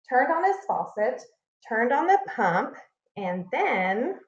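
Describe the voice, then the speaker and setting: Reading aloud from a children's picture book, a teacher with a fairly high pitch tells the story expressively and deliberately, emphasizing key words. The audio has room echo and a slightly muffled quality.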